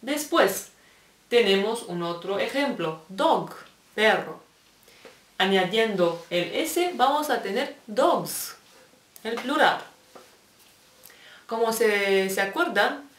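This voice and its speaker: A woman's voice: medium pitch, distant mic. A woman teacher with a Spain Spanish accent, patiently explaining English grammar, spelling out letters and repeating examples. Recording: echoey room, voice set back from the mic.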